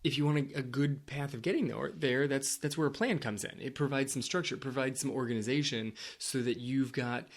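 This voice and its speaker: Man, podcast co-host, relaxed, repeats himself, casual chat, mid pitch. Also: brisk, few pauses. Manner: relaxed, repeats words, loose and conversational.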